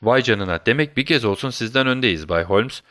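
A man voicing an excitable, proud male police inspector who talks in an eager, boastful way. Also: medium pitch, a little fast, natural voice.

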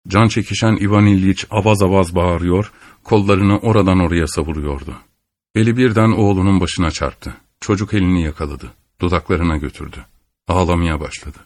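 A male audiobook narrator reads a literary text in a measured, solemn style. His voice sits low. The recording is dry and close, with no room sound. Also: darkish tone, no echo.

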